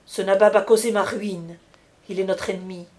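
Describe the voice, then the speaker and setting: A woman's voice: medium pitch, steady tone, normal speed, a little mellow, close to an everyday voice. A woman voicing a tender, scheming young courtesan in an audiobook reading, in a coaxing, intimate way.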